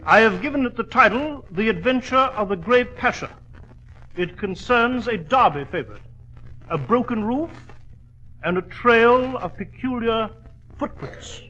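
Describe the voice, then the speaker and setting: A loyal English doctor in a 1940s radio drama. His voice is high and forceful with a husky edge, and he tells things with excitable emphasis. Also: a little slow, highs cut off, exaggerated voice. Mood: genial storytelling. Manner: emphatic, storytelling. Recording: vintage 1940s radio broadcast.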